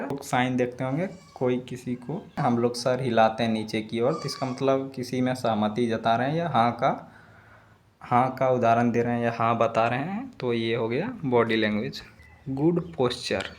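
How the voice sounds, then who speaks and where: A young man tutoring students, reading English quiz questions aloud slowly and explaining each answer. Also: mid-range voice, slight background noise. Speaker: exam prep tutor.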